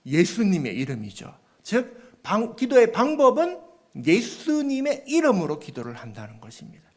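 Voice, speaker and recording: A man's voice: sits high, wildly swooping pitch, normal speed, darkish tone. A male pastor preaching a sermon, explaining step by step with rhetorical questions and acting out quoted voices.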